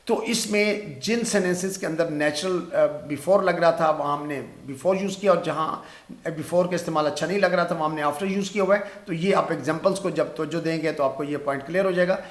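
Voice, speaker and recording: A man with a Pakistani accent teaching an English lesson, explaining step by step and repeating example sentences slowly. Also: fairly high pitch. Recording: echoey room.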